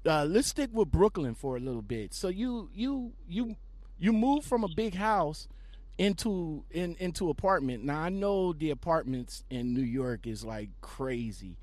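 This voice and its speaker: A man hosting a casual podcast interview, hyping up his guest with excited, repetitive phrasing. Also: fairly high pitch, a little slow, no room sound. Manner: animated, repetitive hype-man delivery. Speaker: podcast host.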